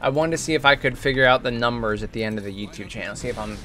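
A man's voice: medium pitch, racing, bright, forceful tone, soft background music. A man streaming a video game and chatting casually, full of joking, rambling banter. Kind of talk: casual gaming stream chat.

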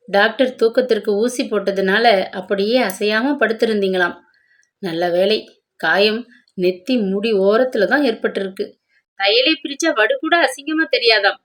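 A woman's voice: mid-range voice, natural voice. A woman voicing a caring, anxious female village maid who fusses over her mistress. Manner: fussing, solicitous.

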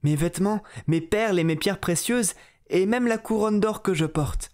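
Male narrator's spoiled princess voice, high-pitched and pleading, storybook tale. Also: normal speed, a little mellow, lightly acted. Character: spoiled, tearful young princess. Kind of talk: storybook reading.

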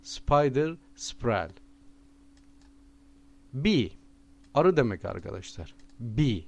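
A man with a Turkish accent teaching vocabulary with memory tricks, repeating each word slowly and stressing it. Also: mid-range voice, very animated, vocal fry, darkish tone. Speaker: language teacher.

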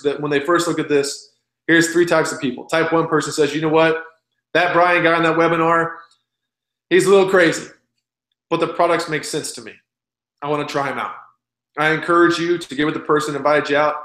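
A man's voice: fairly high pitch, fairly bright tone. Blunt folksy man in his thirties, echoey. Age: 30s. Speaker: presenter. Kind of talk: recorded sales webinar.

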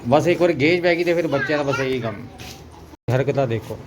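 A man with a Punjabi accent chats casually to vlog viewers at a middling pitch. He repeats phrases for emphasis. The handheld home recording has clear noise behind him. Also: brisk. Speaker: vlogger's husband filming along.

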